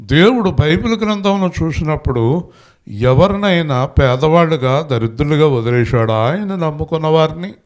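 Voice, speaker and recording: A man's voice: fairly high pitch, lively intonation, normal speed. A male pastor preaching a Christmas sermon, telling a story and urging the congregation to respond aloud.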